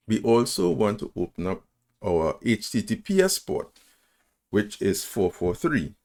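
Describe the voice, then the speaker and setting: Walking through a screen-recorded coding tutorial, a man explains each command step by step, spelling them out. He keeps checking in with "right?" and makes small self-corrections. His voice is low-pitched with a darkish tone.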